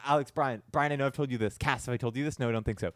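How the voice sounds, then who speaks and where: Man, podcast co-host, rambling self-deprecating joker, mid pitch, dry close mic. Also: racing, a bit bright, no room sound. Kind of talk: casual chat.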